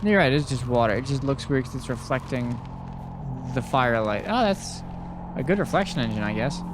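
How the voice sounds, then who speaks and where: A man's voice: medium pitch, animated, brisk. A young man casually commentating a video game, chatty and swearing freely, reading game notes aloud. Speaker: let's play host. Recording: faint background noise.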